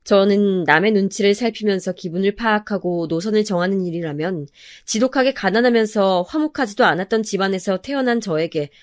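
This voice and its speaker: A woman of middle pitch tells a personal story in scripted narration. Her reading is calm, even and confiding. She sounds like a storyteller speaking straight to the listener.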